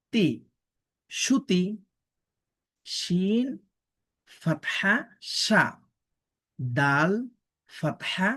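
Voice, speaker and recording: A woman teaching Quran pronunciation, spelling out letters and vowel marks syllable by syllable and explaining patiently. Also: low-pitched. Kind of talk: pronunciation drill lesson.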